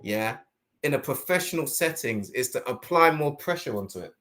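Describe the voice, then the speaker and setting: A man hosting a casual podcast discussion, talking in animated rhetorical bursts. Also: mid-range voice, moderate pace. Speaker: host.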